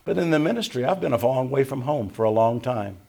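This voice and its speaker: Older man, pastor, gravelly voice, sermon, emphatic, loud then hushed, quotes old-fashioned scripture. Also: medium pitch, lively intonation, fairly quick. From Tennessee, USA.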